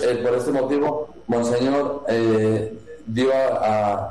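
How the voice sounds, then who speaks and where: A man from Jalisco, a priest who runs a seminary, answering interview questions slowly, with many pauses, fillers and restarts. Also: on the low side, dark tone. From Mexico, Jalisco. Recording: echoey room with mains hum.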